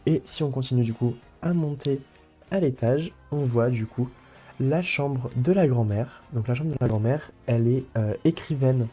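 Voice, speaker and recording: A young man talks his viewers through his game in a loose, casual way. His voice is mellow and warm, and he keeps looping back with fillers and half-started phrases. Soft music runs faintly behind him. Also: mid-range voice. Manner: rambling, many fillers and restarts. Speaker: let's play host. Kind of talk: casual gameplay commentary.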